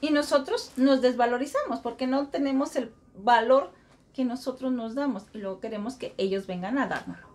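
A woman's voice: fairly high pitch, normal speed, a little mellow. Earnest woman repeating mantras. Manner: repetitive, earnest, acts out inner voices. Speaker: spiritual self-help speaker. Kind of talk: spiritual talk with mantras.

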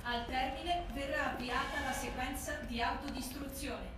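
A woman voicing a calm female facility computer that makes self-destruct announcements over a public address loudspeaker in a video game dub, speaking in an even announcer's manner. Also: high-pitched, normal speed. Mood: calm warning. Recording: echoey loudspeaker from far off over loud music.

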